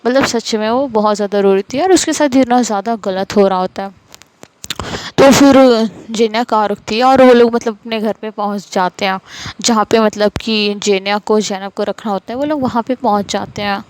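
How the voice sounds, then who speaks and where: A woman's voice: medium pitch, fairly quick, rough recording. A woman casually retelling a romance story, chatty, with many fillers and self-corrections.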